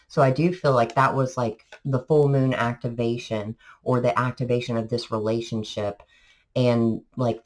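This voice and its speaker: Stuffy-voiced tarot reader, relaxed chatty vlog delivery, rambling. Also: mid-range voice, rough recording. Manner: chatty, rambling, many fillers. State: congested from allergies. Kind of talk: casual tarot reading for viewers.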